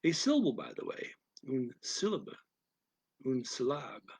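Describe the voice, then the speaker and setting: A man teaching a language lesson, reading each phrase and then its translation in a deliberate, soft manner that drops near a whisper at times. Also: medium pitch, very animated, breathy edge, dry recording, rough recording. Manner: deliberate, alternates each English phrase with its French version.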